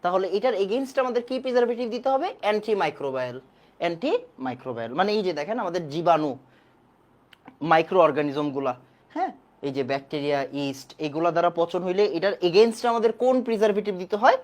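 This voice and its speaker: A woman's voice: on the low side, lively intonation, fast, a little mellow. A woman teaching a chemistry class online, repeating key points and quizzing the class.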